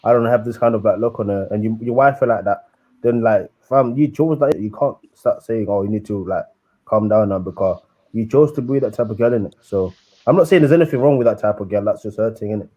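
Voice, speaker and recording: A man's voice: mid-range voice, fast, warm tone, lo-fi sound. A young man with a London roadman accent chatting casually in street slang, often tagging his sentences with innit. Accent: London, urban roadman slang. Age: young adult. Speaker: panellist on a live discussion show. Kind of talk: casual chat.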